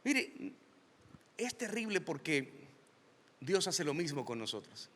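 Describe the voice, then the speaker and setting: A man preaching with a high, lively voice that swings widely in pitch. His tone is bright and forceful. He stretches out key phrases, and his voice carries a long hall reverb. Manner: emphatic preaching, slows and rises on key lines. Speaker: pastor. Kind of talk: sermon.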